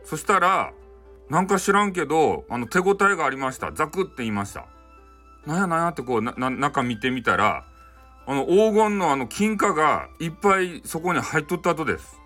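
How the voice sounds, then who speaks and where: A man tells an old folk tale in thick Hakata dialect, in the easy, meandering way of a bedtime story. He keeps pausing on fillers and throwing in offhand asides. His voice is bright and clear, with faint music underneath. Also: a little high, sing-song. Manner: rambling, frequent fillers, asides.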